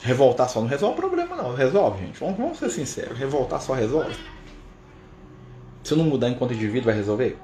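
A man's voice: mid-range voice, very animated, fast, dark tone. A Brazilian man leading an informal live spiritist study, talking conversationally with rhetorical questions and frequent tag questions. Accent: Brazilian Portuguese. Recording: echoey room with faint noise.

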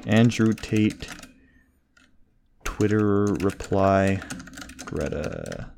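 A man's voice: fairly low pitch, big pitch swings, extremely slow, gravelly, darkish tone, a little hiss or hum. A young man co-hosting a casual podcast chat, rambling, swearing often and laughing. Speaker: podcast co-host.

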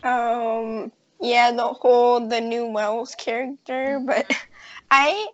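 A woman in a casual TV recap chat who talks in a hesitant, halting way. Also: on the high side, steady tone, a bit bright, lo-fi sound.

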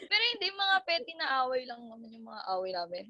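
A woman's voice: sits high, big pitch swings, fast talker, muffled recording, crowd noise. A young woman hosting a casual chat with friends, teasing them and laughing often. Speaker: host.

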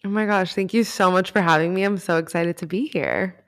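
A woman's voice: on the low side, fairly quick, a bit bright. A woman from Miami, a writer and podcast guest, chatting casually with rambling asides. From Miami, United States. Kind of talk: casual interview chat.

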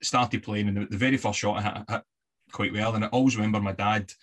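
This West of Scotland podcast guest talks fast in a lowish, fairly even voice that's a bit bright and slightly rough. It's a casual interview chat, full of laughs, easy fillers and storytelling.

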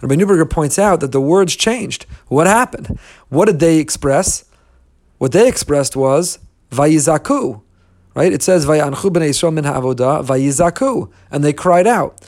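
Earnest and expressive, a middle-aged man teaches prayer as a rabbi in an audio lesson, weaving in Hebrew terms and rhetorical questions. He talks at a normal speed in a fairly high voice with a darkish tone.

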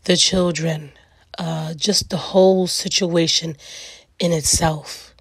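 A middle-aged woman with a raspy, gravelly voice hosts a solo reflective talk, speaking earnestly and emphatically in weighty repeated phrases. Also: sits low, steady tone, slow pace, dry recording. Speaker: podcast host.

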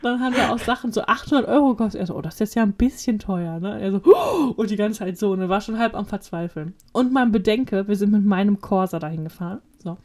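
A woman's voice: mid-range voice, fast talker, hardly any pauses, a little mellow. A young woman co-hosting a casual podcast chat, telling a story animatedly and acting out quotes. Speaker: podcast co-host.

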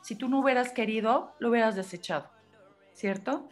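A woman, a life coach guest who explains in a lively, encouraging way. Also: on the high side, moderate pace, faint music behind. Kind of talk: conversational interview.

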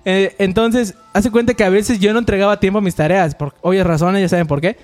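A man's voice: high-pitched, fairly even intonation, fairly quick, darkish tone. A young man with a Mexican accent, telling a rambling story in casual chat with friends.

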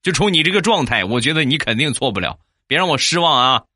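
A man voicing a loud male company boss who scolds his staff and hands out orders. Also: medium pitch, very animated, a little fast, noisy background, voice pushed up, lightly acted. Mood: commanding. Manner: berating, shouting orders.

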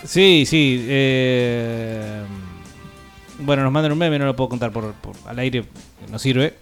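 A man with an Argentine accent hosting a joke show, reading listener jokes with quick reactions. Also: mid-range voice, soft background music. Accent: Argentine Spanish. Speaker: radio host. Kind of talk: casual banter.

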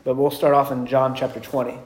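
A pastor with a mid-range, flat voice preaches a sermon at a brisk pace, telling stories with humor and acting out the quotes. The room is echoey and there's a little hiss or hum.

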